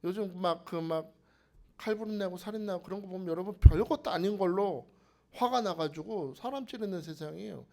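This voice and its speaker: A man's voice: sits high, a little fast, gravelly, warm tone. A man preaching a sermon to a congregation, asking them rhetorical questions and dropping to a whisper for emphasis.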